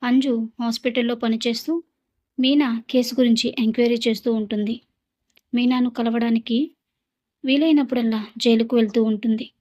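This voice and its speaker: Sex: female. Role: storyteller. Style: scripted story narration. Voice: fairly high, mellow. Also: moderate pace, long pauses. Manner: steady, even storytelling.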